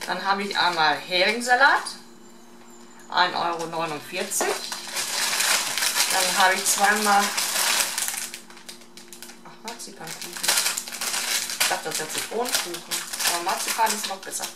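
A middle-aged woman casually talking through a shopping haul, listing items one by one in a halting, unscripted way. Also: fairly low pitch. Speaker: vlogger showing a shopping haul. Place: home kitchen, indoors. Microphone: camera mic at a short distance. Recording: roomy, distant camera mic with clear noise.

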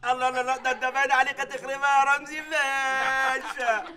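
Sitcom role: high, bright, quick Egyptian waiter, fawning yet pushy. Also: male voice, very noisy. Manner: flattering then insistent. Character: fawning bazaar waiter, pushy about the bill. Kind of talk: sitcom acting.

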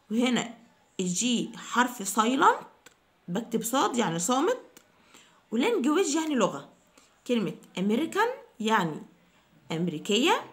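A woman with an Egyptian Arabic accent teaching children vocabulary, repeating each word slowly. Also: a little high. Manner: slow, drawn-out repetition of each word. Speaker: English teacher.

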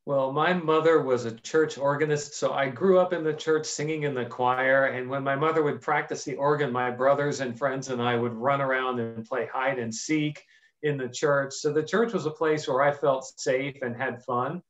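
On a video call with slightly dull audio, a middle-aged priest being interviewed explains things simply for children. He speaks at medium pitch and a moderate pace, with fairly even intonation.

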